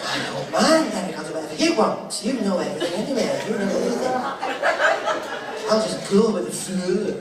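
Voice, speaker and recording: A man voicing a meek, passive-aggressive wife who sulkily defers to her husband, recorded from far off in an echoey hall with a loud crowd. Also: sits high, animated, fairly quick, voice pushed down. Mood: sulky. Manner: sulky, martyred, deferring.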